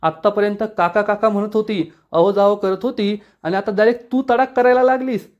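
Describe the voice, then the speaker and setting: A man's voice: sits high, steady tone, brisk, close to an everyday voice. Nagraj, a man reading a blustering villain. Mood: angry. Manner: angry, blustering. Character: bullying older husband, man, arrogant villain. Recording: dull lo-fi recording.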